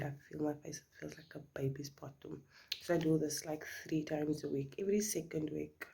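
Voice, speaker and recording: Her voice is deep and mellow, with vocal fry and a breathy edge. She's a middle-aged South African beauty vlogger, a first-language Afrikaans speaker using South African English, who chats casually about makeup as she applies it and often lowers to a whisper.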